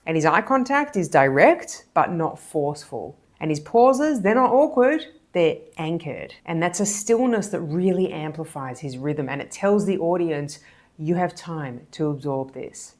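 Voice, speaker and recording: Measured low-voiced woman coach. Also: darkish tone. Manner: measured, deliberate, emphatic. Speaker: hypnotist and body language coach. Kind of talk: explanatory video lesson.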